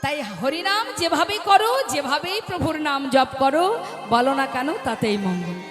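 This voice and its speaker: High-voiced woman preaching in an echoey hall. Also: expressive, moderate pace, over music. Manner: sing-song preaching, asks the audience questions, calls out "hari bol". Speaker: kirtan preacher. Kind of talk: devotional sermon to a live gathering.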